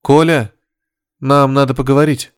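A man voicing a guilt-ridden woman officer who speaks softly and apologetically. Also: medium pitch, steady tone, normal speed, smooth, dry recording, studio quality, natural voice. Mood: apologetic. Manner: soft and apologetic.

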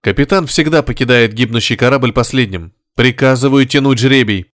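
A man voicing a stern female spaceship commander who gives orders in a measured, firm way, slightly raised in pitch. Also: fairly bright tone, dry recording, clean studio sound, close to an everyday voice. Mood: commanding.

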